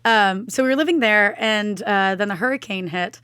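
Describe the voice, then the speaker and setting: A woman's voice: mid-range voice, moderate pace, bright, forceful tone, smooth, no room sound, clean studio sound. A young woman chatting casually as a podcast guest, agreeable and slangy, often chiming in. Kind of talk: casual chat.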